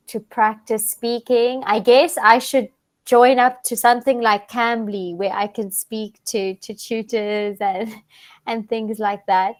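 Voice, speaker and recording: Slow-speaking South African woman tutor. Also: mid-range voice. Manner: friendly, explains slowly with frequent restarts and fillers. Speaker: online English tutor. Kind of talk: casual online conversation lesson. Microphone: video call.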